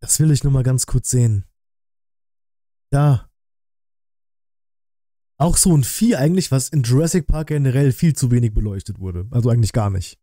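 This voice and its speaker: This thirtysomething man has a mellow, very dark voice pitched in the middle range, and he reacts like a laid-back host, full of slang and casual phrasing. His intonation is lively, his speed normal, and he leaves long pauses. The sound is close and dry, with no echo.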